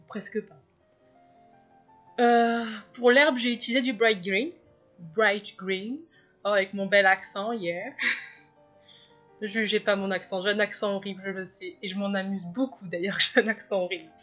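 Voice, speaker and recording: An illustrator and video host chats casually while talking through her drawing, wandering into asides and laughing often. Her voice is mid-range and fairly bright, though the recording is muffled.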